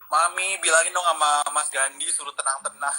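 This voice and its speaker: Man, joking sidekick in a gossip chat, sharp bright tone. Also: a little high, steady tone, fairly quick, slight background noise, rough recording. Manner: teasing, chiming in with jokes.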